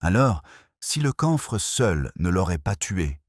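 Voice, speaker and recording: Narrator reading a stern, practical inspector, brisk and businesslike, dry close sound. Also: male voice, low-pitched, very animated, dry recording, heavily acted. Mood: serious.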